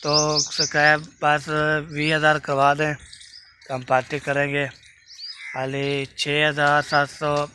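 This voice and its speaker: Outdoors in his rural village, a Pakistani vlogger talks quickly and rambles through a casual narration, noting his own fast speech. His high, monotone voice sounds pushed and bright, over a noisy background of birds and open-air sounds.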